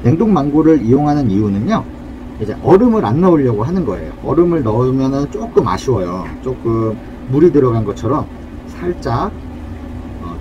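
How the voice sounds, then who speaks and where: A man's voice: mid-range voice, highs cut off, noisy background. A man demonstrating a cafe drink recipe at a counter, explaining each step in a friendly, polite way. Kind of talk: casual cooking demonstration.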